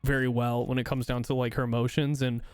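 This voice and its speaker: A man in his thirties hosting a casual chat, goofy and energetic, laughing often and swearing freely. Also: medium pitch, quick pace, clean tone, dry recording, faint music behind. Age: 30s. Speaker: streamer host.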